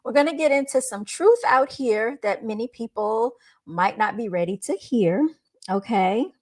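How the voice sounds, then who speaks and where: This female livestream host talks informally to her viewers through a microphone. Her voice is light, fairly high in pitch, and moves at a normal speed.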